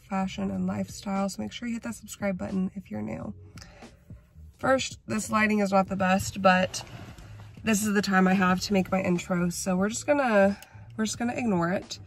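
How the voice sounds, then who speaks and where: A woman chats through her vlog in a friendly, rambling way. Her voice is hoarse and gravelly from a chest cold, with a rough fry at the low end. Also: fairly even intonation, a little fast. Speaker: vlogger. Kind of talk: casual vlog chat.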